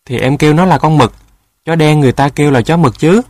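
A man's voice: fairly high pitch, fast, darkish tone, no echo, voice pushed up, close to an everyday voice. A man voicing a proud, friendly boy of about twelve in a storybook, a bit boastful. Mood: cocky.

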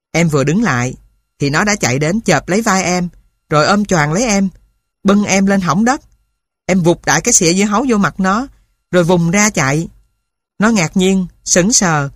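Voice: medium pitch, no room sound, clean studio sound. A narrator reading a sad wartime story aloud in a somber, emotional way. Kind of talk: dramatic audiobook narration.

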